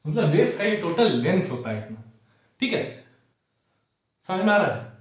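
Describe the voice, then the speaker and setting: A male tutor gives a casual lecture and keeps checking that his students follow along. He often drifts into joking asides. His fairly high voice comes from some distance away, across a very echoey room. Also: very animated, normal speed. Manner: digresses with jokes. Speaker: physics tutor. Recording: echoey room, far from the mic.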